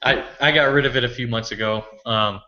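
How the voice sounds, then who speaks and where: Bright-voiced hesitant male guest. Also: mid-range voice, brisk, muffled recording. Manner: hesitant, trails off with "I don't know". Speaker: podcast guest. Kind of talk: casual chat.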